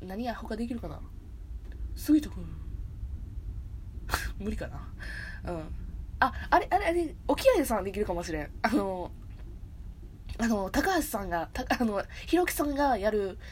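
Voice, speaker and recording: A woman's voice: medium pitch, moderate pace, slight background noise. A woman with a Kansai accent hosting a solo casual radio talk, laughing often and joking at herself. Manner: laughs often, lively and self-mocking. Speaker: podcast host.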